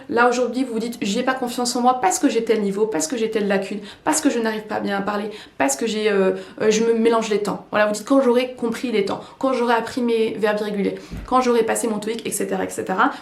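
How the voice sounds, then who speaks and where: A young adult French woman coaching English learners in a lively, chatty way with many fillers. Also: fairly high pitch. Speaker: English teacher and YouTuber. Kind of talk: casual coaching talk to camera. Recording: echoey room.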